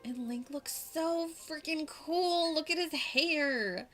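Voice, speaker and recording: With music playing behind her, a woman gives casual, gushing, playful commentary while livestreaming a video game. Her voice is high-pitched and a bit bright, and she takes it slowly.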